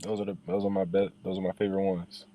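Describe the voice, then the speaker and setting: A man's voice: low voice, little pitch movement, fast talker, creaky, warm tone, slight background noise. A young man speaking as an interviewed basketball player, in an informal way, often repeating and rephrasing his points. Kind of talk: casual interview chat.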